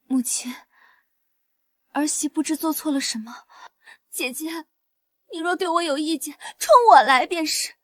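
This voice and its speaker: 心机姨娘，声调高、说话慢，可怜兮兮地假装受了冤枉；录音干燥贴近。. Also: female voice, high voice, unhurried, long pauses, a bit bright, dry recording, clean studio sound. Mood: falsely wronged. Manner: plaintive, falsely wronged. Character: scheming young concubine, fake-tearful, sly. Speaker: actress. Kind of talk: costume short drama acting.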